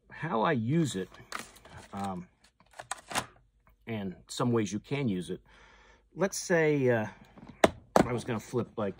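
With background noise audible, a man with a fairly low voice hosts a fishing channel, chatting casually through a hands-on demo full of fillers and restarts. He's indoors, in a tackle shop or room whose walls are covered in packaged lures.

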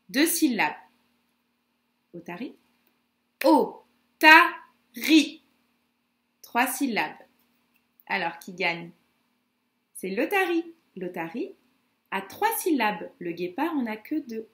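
Une enseignante qui parle à de jeunes enfants et scande lentement les syllabes des mots avec une intonation chantante. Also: female voice, fairly high pitch, echoey room. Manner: slow, syllable-by-syllable counting with sing-song emphasis. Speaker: kindergarten teacher. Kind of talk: teaching young children.

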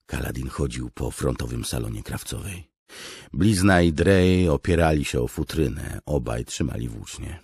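A man narrates a fantasy novel in a measured, steady reading. His voice is extremely deep and gravelly, with a husky edge, recorded close in a dry studio. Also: no echo. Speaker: audiobook narrator.

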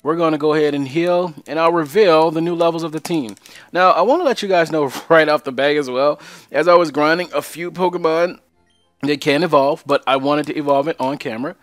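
Playing a video game on stream, a young man jokes around and chats directly with his audience as a let's play host. His fairly high voice is recorded with no room sound.

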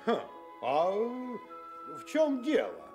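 A man's voice: very high voice, huge pitch swings, drawn-out words, music in the background, full character voice. An actor playing a hesitant, boastful prince in a theatrical Russian fairy tale dramatisation, hemming as he goes. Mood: hesitant, protesting.

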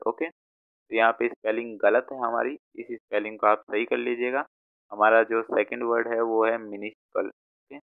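A man's voice: mid-range voice, vocal fry, dry recording, phone-quality sound. A man with an Indian accent teaching vocabulary, explaining word meanings patiently, mixing Hindi and English and often checking that the listener follows. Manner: patient, repeats words, frequent check-ins.

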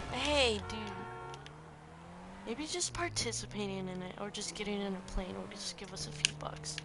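A woman doing casual gameplay commentary, thinking aloud into a cheap, breathy-sounding microphone. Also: mid-range voice. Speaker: gaming video host. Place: bedroom, lying in bed. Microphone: cheap, poor-quality microphone. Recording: noisy cheap mic, breathing audible.

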